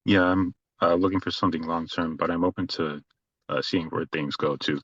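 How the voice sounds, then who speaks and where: A man in his twenties with a deep voice, talking with hesitant pauses. His audio is dry and somewhat dull. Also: fairly even intonation, no echo. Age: 20s. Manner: hesitant, lots of uh. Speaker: caller.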